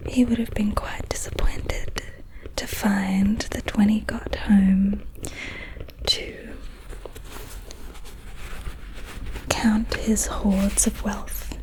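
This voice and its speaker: A woman's voice: medium pitch, little pitch movement, a little mellow, close to an everyday voice, poor audio. A woman playing a proud, mischievous leprechaun in a whispered role-play, with quaint phrases and lingering repeated words. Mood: smug storytelling. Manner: playful, haughty storybook leprechaun with quaint turns of phrase; slow, lingering repetition of words. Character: proud, mischievous leprechaun collector of trinkets and treasures.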